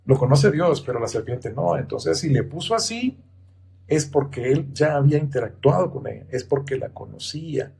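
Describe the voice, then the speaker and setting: Gravelly, husky-voiced man teaching scripture. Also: medium pitch, animated, normal speed, darkish tone. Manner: patient, methodical teaching tone. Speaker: Bible teacher on a podcast. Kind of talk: explanatory Bible study talk.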